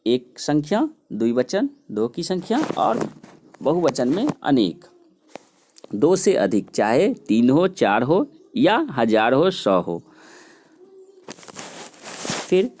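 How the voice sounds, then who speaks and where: A man teaching a grammar lesson, slowly reciting word forms for students to repeat. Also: medium pitch, a little mellow. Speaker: Sanskrit teacher.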